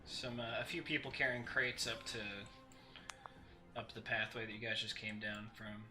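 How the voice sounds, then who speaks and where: Halting man running a tabletop game. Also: mid-range voice, steady tone. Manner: halting, many restarts and fillers. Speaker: game master. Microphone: home mic that keeps breaking up. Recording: mic cutting in and out, faint music.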